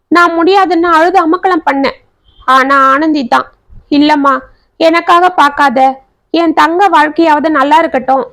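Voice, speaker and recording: A woman's voice: sits high, gravelly, fairly bright tone, voice pushed up. A woman voicing a widowed village mother who laments her daughter's fate through tears in a family tale. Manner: lamenting, sobbing speech.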